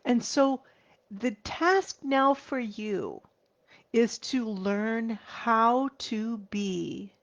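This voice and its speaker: A woman in her forties, a grief therapist, speaking earnestly to viewers, slowing down and dropping to a soft whisper for emphasis. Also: a little high. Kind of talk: heartfelt talk to viewers. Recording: slightly dull lo-fi recording.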